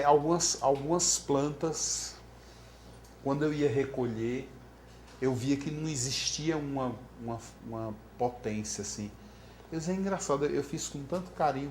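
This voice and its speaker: A man from Brazil teaching about floral remedies in a storytelling lecture, acting out the voices of the people in his story. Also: medium pitch. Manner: animated, acts out quoted voices. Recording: echoey room with faint background noise.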